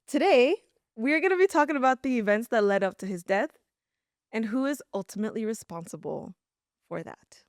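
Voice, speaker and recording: Lively young woman podcast host. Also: on the high side, brisk, no room sound, studio quality. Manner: lively, dramatic storyteller. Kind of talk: casual chat and storytelling.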